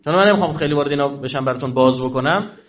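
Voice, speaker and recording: A man giving a religious lecture to an audience, asking questions and answering them himself. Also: fairly high pitch. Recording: dull lo-fi recording.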